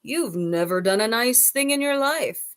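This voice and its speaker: Woman as a blustery big elephant, scolding slowly. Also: a little high, lively intonation, pitched above the performer's own voice. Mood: indignant. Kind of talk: children's storybook character reading.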